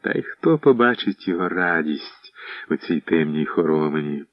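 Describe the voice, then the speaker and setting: A man narrating a historical novel as an audiobook in a measured, expressive reading. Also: deep voice, dry recording. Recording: dull lo-fi audiobook recording.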